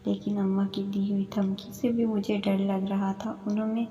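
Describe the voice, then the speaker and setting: A woman narrating a dramatic first-person story in a steady, even reading voice. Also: mid-range voice, vocal fry. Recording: echoey room with long reverb.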